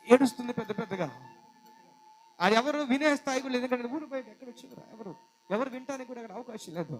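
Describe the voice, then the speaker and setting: A man preaching a sermon, telling a story dramatically, dropping to hushed lines and rising to loud cries. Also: very high-pitched, fast talker, soft background music, poor audio.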